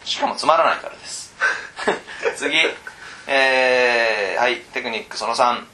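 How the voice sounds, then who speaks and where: A man training teachers in a casual lecture, chatting with the room, asking questions and swinging between loud and hushed. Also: mid-range voice, measured pace. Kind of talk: lecture to tutors. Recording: roomy echo.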